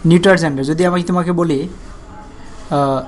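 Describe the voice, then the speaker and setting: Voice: medium pitch, steady tone, darkish tone, a little hiss or hum. Patient teacher. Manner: explains patiently, spells out words letter by letter, drawn-out "ah" pauses. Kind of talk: recorded grammar lesson.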